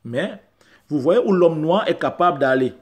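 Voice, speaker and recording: Here the Central African vlogger, a non-native French speaker, addresses the camera at a normal speed. His pitch sits fairly high with lively intonation, and he hammers his points repetitively, climbing to emphatic bursts.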